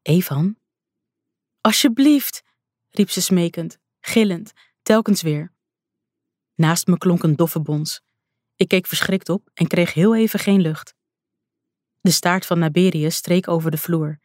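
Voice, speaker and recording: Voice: medium pitch, unhurried, pauses often, darkish tone, no echo. An audiobook narrator telling a first-person fantasy story in a tense, dramatic way. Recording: dry, close studio sound.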